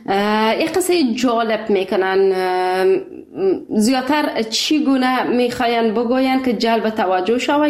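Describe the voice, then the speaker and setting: A woman's voice: on the high side, roomy sound. A woman hosting a call-in radio show, chatting cheerfully with a caller and laughing often. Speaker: radio host.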